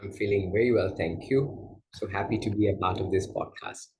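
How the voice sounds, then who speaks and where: A man from Malaysia, a yoga teacher, answering interview questions in a gentle, unhurried way with soft fillers. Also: fairly low pitch, background noise. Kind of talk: casual interview conversation.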